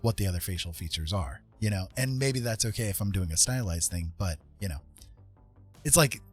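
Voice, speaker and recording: This painter streams himself at work, his low, husky voice expressive and fairly quick as he rambles, thinks aloud, and pokes fun at himself in casual chat. There's music behind him.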